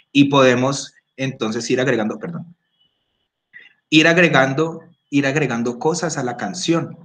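A man giving a casual screen-recorded app tutorial, explaining step by step, often checking in and clearing his throat. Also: medium pitch. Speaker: workshop instructor. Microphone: computer or phone microphone.

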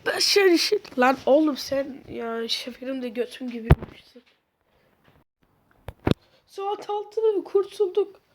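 A woman commentating a horror game, sick with a sore throat, jumping between nervous mutters and sudden yells at the screen. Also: sits high, animated, slow pace, long pauses, very noisy. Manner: jumpy, yells and curses at the game. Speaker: gaming video host. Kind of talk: excited let's-play commentary.

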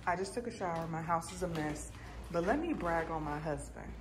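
A woman's voice: fairly low pitch, animated, brisk, noisy background. A woman in her thirties chatting casually to camera in a family vlog, talking to viewers like friends. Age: 30s. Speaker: vlogger, mom and doctor. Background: background music.

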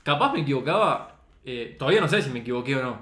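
A man's voice: medium pitch, lively intonation, quick pace, fairly bright tone. A young man with a Rioplatense Spanish accent, a podcast guest and photographer talking earnestly in casual chat, full of slang fillers. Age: young adult. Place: recording studio. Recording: roomy studio echo.

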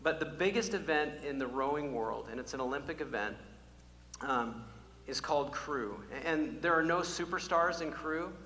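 A man preaching from the pulpit, his bright, forceful voice carrying through a large church hall with a long, echoing tail. He presses key words again and again, rising to loud calls and dropping to near-whispers, and a faint hum sits underneath. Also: fairly high pitch, expressive, normal speed. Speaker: pastor. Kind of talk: sermon. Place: church sanctuary.

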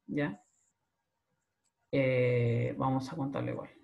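Chilean man teaching with a gravelly voice. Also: mid-range voice, little pitch movement, slow pace, a little mellow, muffled recording. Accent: Chilean Spanish. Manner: explains step by step, checks in with a frequent "¿ya?". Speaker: programming lecturer. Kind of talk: recorded screen-share class.

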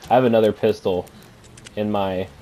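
Male horror streamer: low-pitched, slangy, sweary, rattled and panicky, some background noise. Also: steady tone, moderate pace, dark tone. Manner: casual slangy talk with swearing. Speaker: video game streamer. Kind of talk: live horror game commentary, casual chat.

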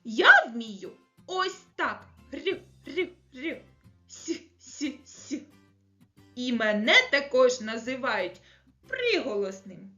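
Woman playing a gentle, puzzled letter stranger. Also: on the high side, very animated, slow, highs cut off, faint music behind, full character voice. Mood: pleased.

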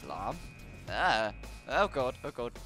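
A young man narrates his shooter game in a lively, bouncy voice, making silly gun noises and tossing out swears as he goes. His pitch rises and falls a lot, and clear game music plays behind him. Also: unhurried. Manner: playful, chatty, makes gun noises and swears. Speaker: gamer playing a shooter. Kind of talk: casual let's play commentary.

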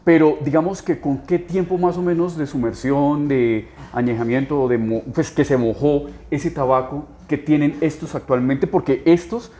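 A man's voice: on the high side, fairly even intonation, normal speed, hardly any pauses, dark tone. A Colombian man hosting an interview, asking long, thoughtful, winding questions in a conversational way. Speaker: host.

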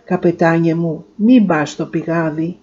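A woman voicing a devoted, bold young woman in a storybook reading, pleading in a raised, higher voice. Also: warm tone, lo-fi sound, slight background noise, natural voice.

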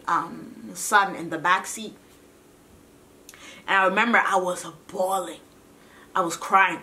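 A woman's voice: mid-range voice, bright, forceful tone, slight background noise. A young woman sharing a faith testimony in an earnest, preachy way, often repeating herself and calling viewers sis. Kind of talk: heartfelt testimony talk.

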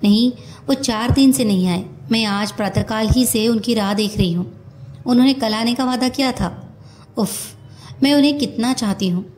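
A woman reading a storybook who voices a naive, lovesick young woman with an excitable, pleading manner. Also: on the high side, normal speed, a little hiss or hum, close to an everyday voice. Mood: emotional.

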